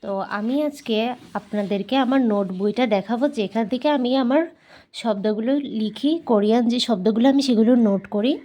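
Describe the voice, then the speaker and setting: A woman with a Bangladeshi Bengali accent teaching Korean words in a casual video lesson, slowly repeating each word for practice. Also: a little high, warm tone.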